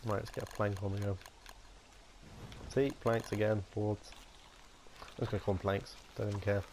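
Gravelly low-voiced gaming commentator, man. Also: level tone, normal speed, darkish tone, a little hiss or hum. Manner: chatty, playful, talks to himself while playing. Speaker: gaming video host. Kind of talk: casual let's-play commentary.

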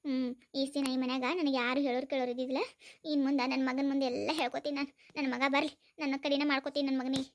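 A woman's voice: sits high, level tone, racing, a little hiss or hum. A woman with a North Karnataka accent playing a bossy, taunting old mother-in-law in a village comedy sketch. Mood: scolding. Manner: taunting, domineering.

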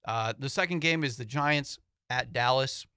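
A young man with a bright, forward voice talks football picks in an easygoing, rambling way. The sound is close and dry, taken on a studio microphone in a small studio. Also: mid-range voice, normal speed, clear, resonant tone, no room sound. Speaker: sports show co-host. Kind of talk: casual sports talk. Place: small studio with foam panels. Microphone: studio mic on boom, headphones.

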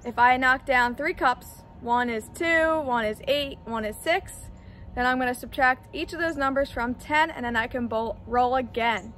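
A woman's voice: sits high, moderate pace, fairly bright tone, a little hiss or hum. A young woman P.E. teacher explaining a game step by step, recorded outdoors on a driveway by a camera at mid distance. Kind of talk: instructional demonstration. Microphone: camera on a tripod at mid distance.

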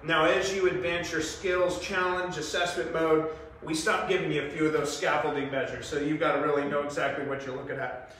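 A sales presenter gives a casual demonstration of VR training, moving around in a headset and talking in a loose, chatty way full of fillers. His slightly high, somewhat bright voice is flat and a little fast, picked up by a distant camera in a small, echoey, carpeted indoor training room with slight background noise.

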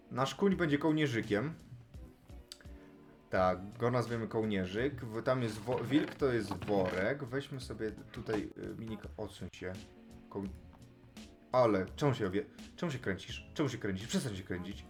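A man commentating his own Minecraft play in casual, chatty talk, chatting to the animals and now and then shouting with excitement. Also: on the low side, normal speed, soft background music. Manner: chatty, talks to animals in game, bursts of excited yelling. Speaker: gaming YouTuber.

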